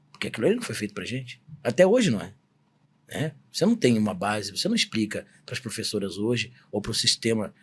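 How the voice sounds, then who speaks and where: A man's voice: on the low side, slightly rough. A man in his forties from Brazil, a samba singer telling a personal story in a podcast interview, earnest and emphatic. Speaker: guest, samba singer-songwriter.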